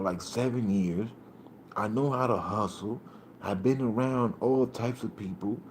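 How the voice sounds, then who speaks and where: A man in his thirties from Puerto Rico chats loosely on his own livestream, with a fairly low voice. He rambles in streetwise slang and greets his viewers by name. A faint hum of room noise sits behind him. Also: darkish tone. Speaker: livestream host. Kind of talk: casual livestream chat.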